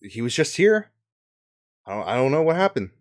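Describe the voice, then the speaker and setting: A man's voice: mid-range voice, sing-song, pitched above the performer's own voice, lightly acted. Man doing flustered baffled knights. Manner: flustered, hurried.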